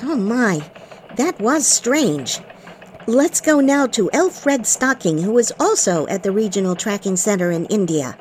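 A woman's voice: medium pitch, animated, unhurried, a little hiss or hum, lightly acted. A woman playing a cheerful elf news anchor in a mock radio newscast. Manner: bright newsreader delivery.

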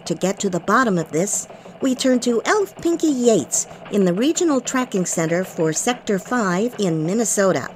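Woman voicing an elf anchorwoman, crisp newsreader delivery, very lively pitch, faint hiss behind. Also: moderate pace, natural voice. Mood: poised, formal. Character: cheerful female elf news anchor. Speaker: news anchor. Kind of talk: mock radio newscast.

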